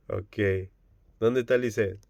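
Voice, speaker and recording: A man preaching a Bible study online, earnest and slow, dropping Japanese fillers between phrases. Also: fairly low pitch, gravelly, darkish tone, no room sound. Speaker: pastor.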